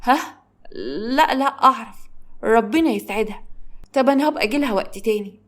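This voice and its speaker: A woman's voice: a little high, a little fast, a bit bright, natural voice. A woman doing a polite hesitant young fiancée. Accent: Egyptian Arabic.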